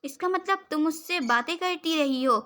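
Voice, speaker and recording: A woman's voice: high-pitched, moderate pace, fairly bright tone. A woman voicing a jealous, hotheaded young man in love, reading his lines in a storybook role reading with brooding retorts. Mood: bitter.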